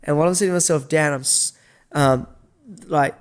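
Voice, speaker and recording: A man's voice: fairly high pitch, steady tone, moderate pace, smooth. Rambling man telling a story. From Australia. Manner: rambling, frequent restarts and swearing, acts out dialogue. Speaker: vlogger. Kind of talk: casual storytelling monologue.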